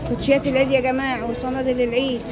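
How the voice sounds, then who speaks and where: A woman's voice: sits high, little pitch movement, rapid-fire. An Egyptian woman vlogging casually through a market, asking vendors prices like a haggling shopper and repeating them to her viewers. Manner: asks vendors prices, haggling-style chat in an Arabic market. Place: crowded outdoor street market. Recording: loud busy street market crowd.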